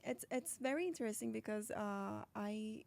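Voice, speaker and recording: Woman guest, real estate agent, gravelly, chatty, dry close mic. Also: mid-range voice, animated, moderate pace, a little mellow, no room sound. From born in Colombia, raised in Philadelphia. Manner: chatty, restarts, many fillers. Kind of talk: casual interview answers.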